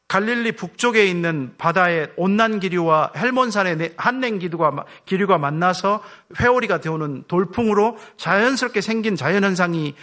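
Korean-speaking pastor with a lively, rising voice. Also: male voice, a little high. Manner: rhetorical questions, drops voice at phrase ends. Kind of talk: sermon.

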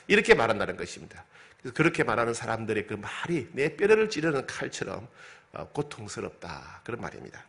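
A male pastor delivers a sermon in an earnest, pleading way. His pitch swings widely as he stresses each point, and he slows right down when he reads scripture. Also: huge pitch swings, creaky, fairly bright tone. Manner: earnest, pleading, rises and falls with emphasis.

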